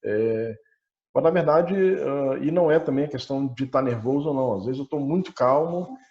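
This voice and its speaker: Over dull, lo-fi online call audio, a man who is a coaching client gives a casual personal account. He speaks hesitantly at a normal speed with a medium-pitched, slightly mellow voice, repeating words with a mild stutter.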